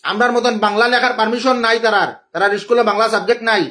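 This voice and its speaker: A man's voice: high voice, steady tone, racing, sharp tone. A man from Assam's Barak Valley with a Sylheti Bengali accent, ranting indignantly on a phone live stream and scolding the person he is answering. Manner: indignant, scolding, greets viewers by name. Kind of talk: angry live-stream rant.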